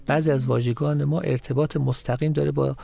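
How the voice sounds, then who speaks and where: A man from Mashhad speaking as a guest on a talk show. His mid-pitched voice has a gravelly edge and sounds dry and close to the mic. He explains his points at length and reels off lists of places and words. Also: steady tone, mellow, no echo. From Mashhad, Iran. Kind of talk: studio talk show discussion.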